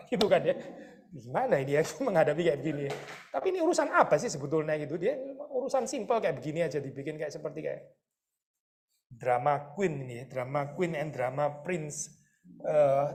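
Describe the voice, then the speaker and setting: Fast-talking male pastor preaching. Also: a little high. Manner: lively, rhetorical questions, addresses listeners as saudara; mixes English words into his talk. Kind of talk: conversational sermon.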